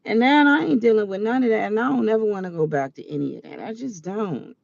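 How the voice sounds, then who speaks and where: A woman's voice: mid-range voice, quick pace, vocal fry, darkish tone, dry recording, lo-fi sound. A woman in her forties giving earnest, preachy advice in a casual vlog monologue. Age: 40s. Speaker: vlogger.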